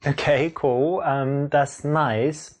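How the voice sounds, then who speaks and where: For an interactive game scene, a dating coach and actor in his thirties with a British accent portrays a tactless, boastful young man rambling on a date. His voice sits on the high side with fairly even intonation and drawn-out words.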